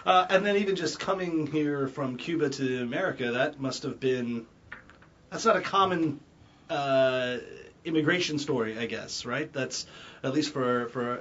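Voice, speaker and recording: Husky-voiced curious co-host. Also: male voice, mid-range voice, fairly bright tone. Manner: curious, asks follow-up questions. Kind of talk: casual interview talk. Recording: dull lo-fi podcast audio.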